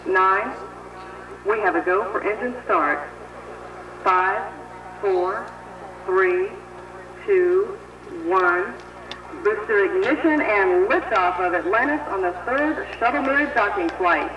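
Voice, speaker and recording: A man's voice: high voice, lively intonation, takes it slowly, pauses often. A man giving launch countdown commentary, heard breaking up over a crackly radio speaker. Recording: distant echoey lo-fi radio playback with hiss.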